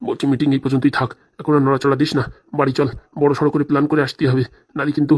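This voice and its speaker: A voice actor doing a husky, fast-talking old village grandfather. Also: medium pitch, flat delivery, a little mellow, natural voice. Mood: urgent. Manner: hurried, conspiratorial. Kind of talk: cartoon voice acting.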